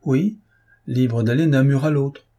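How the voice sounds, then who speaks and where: A man's voice: mid-range voice, a little slow, warm tone, pitched above the performer's own voice, natural voice. A man voicing a sly, mocking male baron, a villain in an audiobook reading. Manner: taunting, sneering. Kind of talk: audiobook character voice.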